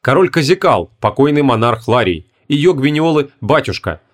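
A man reading a fantasy audiobook in measured, deliberate narration. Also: mid-range voice, big pitch swings. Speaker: audiobook reader. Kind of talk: scripted narration.

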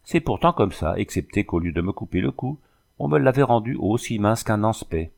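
A man's voice: lowish voice, expressive, moderate pace, creaky, a little mellow. A man voicing a boastful old Irish sailor in a storybook, swaggering and swearing as he tells his tale. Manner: swaggering, swears by thunder and the devil.

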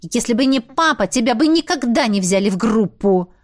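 A woman's voice: fairly high pitch, lively intonation, moderate pace. Woman voicing a sneering young witch girl. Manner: sneering, teasing. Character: mocking venomous young female witch student.

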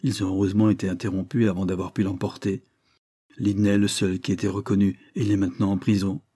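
A man reading aloud voices a cautious, deferential country lawyer who speaks politely and in measured terms. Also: low-pitched, level tone, mellow, slightly rough, dry recording. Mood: reporting.

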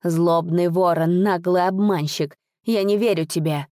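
A woman's voice: on the low side, fairly even intonation, measured pace, warm tone, no room sound, studio quality, natural voice. A woman reading as a proud old marquis. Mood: furious. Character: proud aging nobleman, haughty then despairing.

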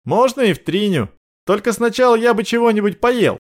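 A man's voice: high-pitched, animated, fairly quick, pitched above the performer's own voice. A man voicing a young male prisoner who stays wry and cheeky under threat, in a raised voice.

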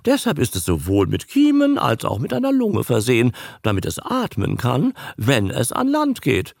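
A man voicing a scrawny little fairground showman who barks his patter in a hoarse voice. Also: medium pitch, huge pitch swings, normal speed, no echo, clean studio sound, heavily acted. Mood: blaring. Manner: blaring barker's patter.

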